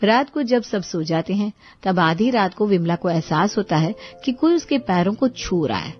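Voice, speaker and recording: A woman telling a scripted cartoon story in an even, steady voice of middle pitch. The audio is dull and lo-fi, with background music playing softly underneath. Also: moderate pace. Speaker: narrator.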